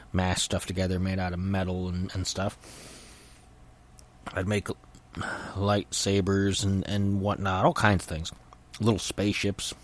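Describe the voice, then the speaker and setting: A middle-aged man hosting a casual solo podcast, rambling haltingly with his jaw held nearly shut, so his words come muffled through his teeth. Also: low-pitched. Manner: halting and hesitant, repeating words. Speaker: podcast host.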